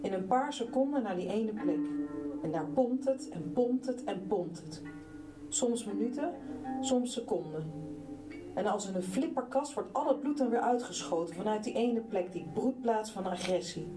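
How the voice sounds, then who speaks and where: A woman's voice: mid-range voice, animated, far from the mic, natural voice. An actress delivering an intense stage monologue as a haunted woman describing her partner's rage. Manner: slow, intense, vivid monologue. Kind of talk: live stage drama monologue. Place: theatre stage. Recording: stage sound from afar with music.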